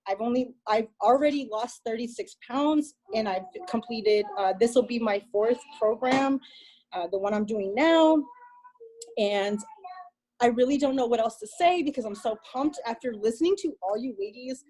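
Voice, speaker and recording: Excitable mom rambling on a video call, kinda high voice, emotional and all over the place. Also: female voice, normal speed, rough recording. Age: adult mother. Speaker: fitness coach sharing her story. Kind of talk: casual emotional testimony.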